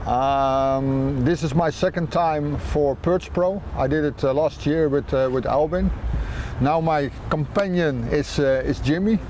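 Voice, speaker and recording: Slightly high-voiced man from the Netherlands. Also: measured pace, darkish tone, a little hiss or hum. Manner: hesitant, many fillers. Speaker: competitor. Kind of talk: casual interview. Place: outdoors on a dock by a boat.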